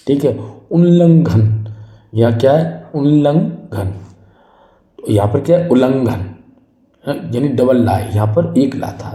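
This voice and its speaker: A man teaching an exam-prep spelling lesson, saying each word slowly and more than once, then asking the class what the right answer is. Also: mid-range voice, warm tone, roomy sound. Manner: drills each word slowly and repeatedly, asks the class questions. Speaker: Hindi teacher.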